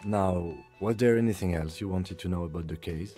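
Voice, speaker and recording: A man voicing a calm, deadpan police lieutenant. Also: sits low, soft background music, close to an everyday voice. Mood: measured. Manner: measured, precise, deadpan sarcasm. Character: calm, dry-witted male police lieutenant. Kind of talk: video game dialogue.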